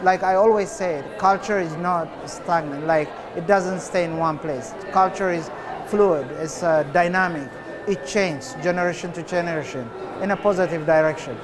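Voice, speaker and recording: A man in his forties from Ethiopia, an artist answering interview questions in a relaxed, unhurried way with many filler pauses, recorded indoors in a cafe. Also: sits high, a crowd in the background.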